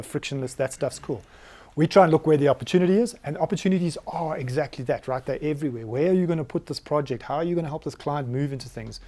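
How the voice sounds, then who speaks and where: A man's voice: medium pitch, dark tone. A South African man in his forties, giving a candid, self-deprecating talk to a live audience in a meeting room. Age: 40s. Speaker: business founder giving a talk.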